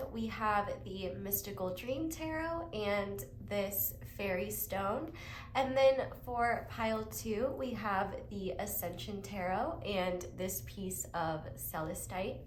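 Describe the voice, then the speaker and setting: Speaking slowly at a medium pitch, a young woman getting over a cold leads a casual pick-a-card tarot reading, upbeat and chatty with many fillers. The echoey room carries faint ambience plus a little hiss or hum.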